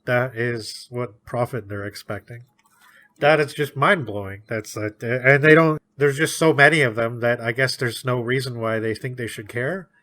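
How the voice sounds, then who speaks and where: A man's voice: medium pitch, bright, forceful tone. A man co-hosting a podcast, chatting casually about a book, laughing often. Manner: chatty, laughs often, puts on quick voices for characters. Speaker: podcast co-host.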